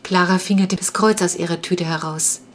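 A woman's voice: fairly low pitch, fairly even intonation, normal speed, a little hiss or hum. A woman reading a children's adventure audiobook as the narrator, in a suspenseful storytelling manner. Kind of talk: scripted narration.

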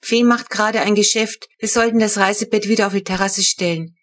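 A woman voicing a tired, practical mother in a storybook reading, weary and soft-spoken. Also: mid-range voice, steady tone, fairly quick, lightly acted. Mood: worried.

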